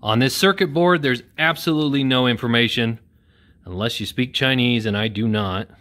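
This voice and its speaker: Medium pitch, moderate pace and a fairly bright tone mark this man's voice. He's a welding video host in his thirties, casually demonstrating a repair inside a workshop with a corrugated metal wall while speaking plainly and making light of himself.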